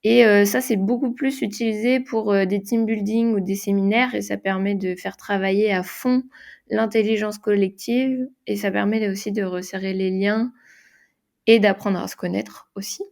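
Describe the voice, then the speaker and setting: A woman's voice: mid-range voice, steady tone, normal speed, gravelly, a little mellow. A woman who designs games for workshops, answering interview questions in French, thinking aloud with frequent fillers and restarts. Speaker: game designer and facilitator.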